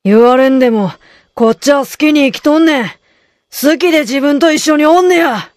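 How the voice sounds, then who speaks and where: A stiff, self-important young man with an old-fashioned way of speaking, acted by a woman. His voice sits a touch high but dark and mellow in tone, with a dry, close sound. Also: normal speed, dry recording, natural voice. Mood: aloof. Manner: formal, lofty, critical. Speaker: guest critic.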